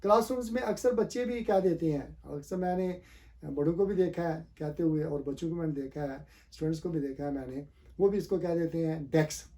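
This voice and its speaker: A man's voice: a little high, brisk, mellow, recorded from a distance. A man teaching a pronunciation lesson, asking and answering his own questions and spelling words out letter by letter. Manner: hesitant, many fillers and restarts.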